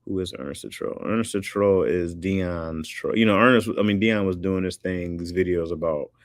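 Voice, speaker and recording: A man with a low voice hosts a livestream, reading chat and talking casually with viewers at a moderate pace. He rambles in a laid-back way and laughs often. The sound is studio quality with no room sound.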